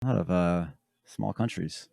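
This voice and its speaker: A man's voice: deep voice, moderate pace, creaky, dark tone, dry recording, clean studio sound. A man co-hosting a casual race-watching chat, blunt and sardonic, swearing now and then. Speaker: podcast co-host.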